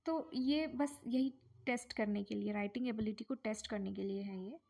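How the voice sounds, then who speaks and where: A woman teaching an exam-preparation lesson, her voice sitting a little above the usual pitch. She explains step by step, posing questions to the class and answering them at once. She slows right down when she reads out key phrases. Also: gravelly, darkish tone. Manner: slows down reading English phrases. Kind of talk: explaining lesson in mixed Hindi and English.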